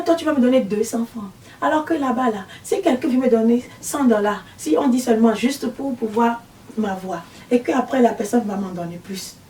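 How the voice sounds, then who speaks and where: A woman preaching a testimony sermon as a visionary, telling her story in an emphatic, animated way. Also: a little high, a little hiss or hum. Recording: roomy, mic far away.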